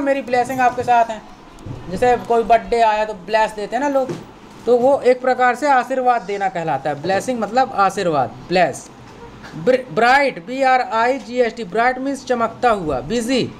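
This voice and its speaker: With a little hiss or hum in the recording, a man whose pitch is extremely high teaches children new words. He patiently repeats them, spells them out one letter at a time, and checks for understanding.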